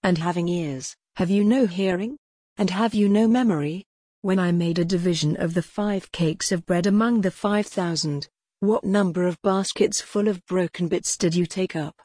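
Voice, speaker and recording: A woman reading the lines of a calm, stern male teacher in a measured, questioning way, as part of a scripture reading. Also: lowish voice, no echo, clean studio sound, natural voice. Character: man, calm stern teacher rebuking followers.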